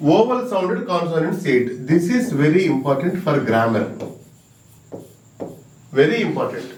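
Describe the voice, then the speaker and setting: A man teaching an exam-prep English grammar lesson, slow and emphatic, repeating key words and sounding out letters. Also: a little high, sing-song, a little mellow. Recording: roomy echo, mic at a distance.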